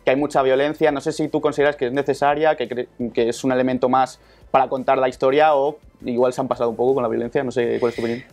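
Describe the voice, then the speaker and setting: Very low-voiced fast-talking woman interviewer. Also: flat delivery, soft background music. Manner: brisk, attentive questions with soft backchannels. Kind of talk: casual interview.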